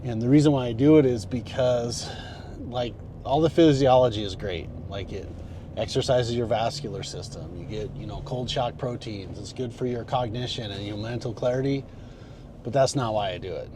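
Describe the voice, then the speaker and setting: A man's voice: mid-range voice, normal speed, background noise. A man talking casually and earnestly to viewers as the host of an ice bath club. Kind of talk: casual vlog talk. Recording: music playing behind the voice.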